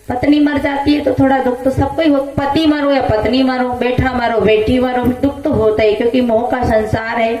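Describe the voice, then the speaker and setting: Female preacher, echoey far-off hall sound. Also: a little high. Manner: lively storytelling, acts out villagers' voices, chants verses. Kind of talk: devotional sermon with storytelling.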